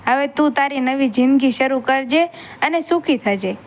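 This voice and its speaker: A woman's voice: sits high, normal speed, close to an everyday voice. A woman voicing a frail, dying old woman who speaks tearfully and tenderly. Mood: tender farewell.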